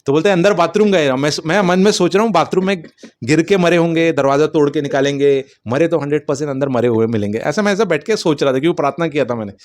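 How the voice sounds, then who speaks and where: A man giving a personal testimony in an animated way, acting out the dialogue. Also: fairly high pitch, fast. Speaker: testimony speaker.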